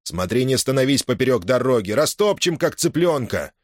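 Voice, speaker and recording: A man voicing a drunk soldier who bullies and threatens, shouting. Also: mid-range voice, sing-song, moderate pace, no echo, studio quality, pitched above the performer's own voice, natural voice. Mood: menacing. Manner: shouting, menacing.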